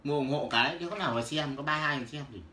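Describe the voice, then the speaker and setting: Bright, brash man hawking goods. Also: fairly high pitch, racing. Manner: loud, teasing, hawking goods to viewers by name. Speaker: livestream seller. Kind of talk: casual livestream sales patter. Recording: roomy with faint background noise.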